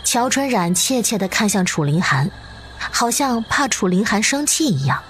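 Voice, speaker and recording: A woman narrating an animated drama in an expressive, story-reading way. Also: medium pitch, normal speed, slight background noise.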